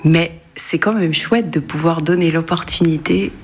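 A woman with a low, settled voice speaks in an interview. She searches for her words as she goes, filling the gaps with pauses and restarts. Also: a little hiss or hum. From France. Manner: hesitant, many fillers and restarts. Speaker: interviewee, web radio volunteer. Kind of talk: casual interview answers.

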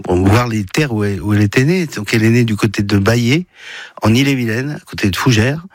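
Low-voiced, halting man in his 60s. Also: no room sound. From Paris region, France. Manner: halting, restarts and repeats words often. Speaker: guest, filmmaker. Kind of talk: casual radio interview.

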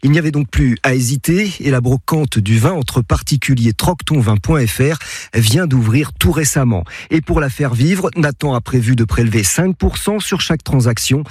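Male reporter voice-over, measured, slightly husky, dry. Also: medium pitch, lively intonation, a little mellow, no echo. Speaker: radio reporter. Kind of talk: scripted report narration.

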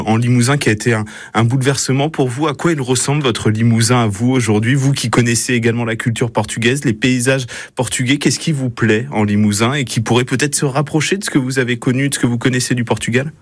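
A man's voice: medium pitch, fairly even intonation, fast talker, few pauses, dry recording, clean studio sound. A male radio interviewer asking long questions, with restarts while he searches for words.

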